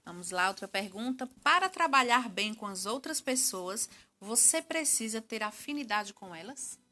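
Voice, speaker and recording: A woman hosting a TV program, introducing segments and asking questions in a lively, upbeat way. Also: fairly high pitch, normal speed, soft background music. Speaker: program host.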